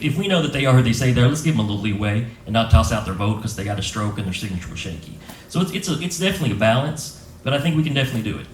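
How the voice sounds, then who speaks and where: Man, friendly stump speech, chatty with fillers, roomy hall, mic at a distance. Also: mid-range voice. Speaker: political candidate. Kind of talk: campaign speech. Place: community hall at a rally. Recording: echoey hall, faint noise.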